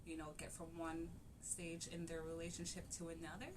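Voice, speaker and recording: A woman's voice: low-pitched, completely flat delivery, normal speed, noisy background. A young woman from Cameroon, a relationship coach talking casually and easily as a guest, laughing often. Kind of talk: casual interview chat.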